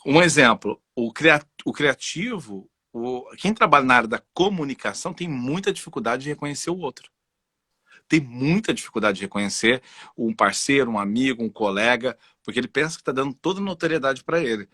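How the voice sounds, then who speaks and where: A Brazilian-accented man speaks as a guest in a relaxed interview, animated and personal as he tells stories. His voice is husky yet bright and forceful. The sound is dry and close. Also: mid-range voice, brisk, dry recording. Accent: Brazilian Portuguese. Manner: animated, personal storytelling with frequent "entendeu?". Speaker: guest voice and communication specialist. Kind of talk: casual conversational interview.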